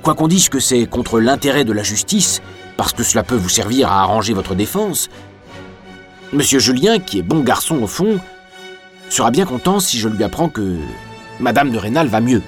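A man's voice: medium pitch, big pitch swings, moderate pace, faint music behind, lightly acted. A man voicing a sly, greedy giant of a jailer who talks in a falsely sweet, fawning way.

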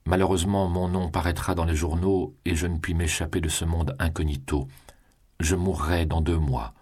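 A man reading the part of a proud, resigned condemned young man in a grave, measured voice. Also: sits low, steady tone, a little mellow, husky.

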